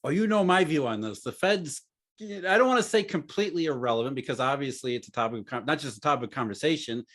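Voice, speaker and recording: A man's voice: mid-range voice, lively intonation, quick pace, fairly bright tone. A man hosting a casual financial podcast, making dry, sarcastic jokes and asides. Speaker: podcast host.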